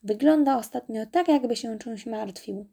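Woman reader doing a gentle storybook farmer; husky and mellow. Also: on the high side, moderate pace. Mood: concerned. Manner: gentle, concerned. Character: kindly adult male farmer.

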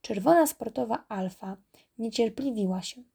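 A woman narrating a children's storybook in a calm, even reading voice. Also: a little high, moderate pace, gravelly, slightly rough.

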